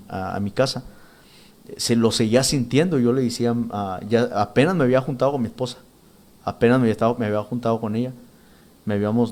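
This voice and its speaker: Casting: male church minister, mid pitch, earnest, stop-start testimony delivery. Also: darkish tone. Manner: earnest, halting, with many restarts and repeated words. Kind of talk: spoken testimony.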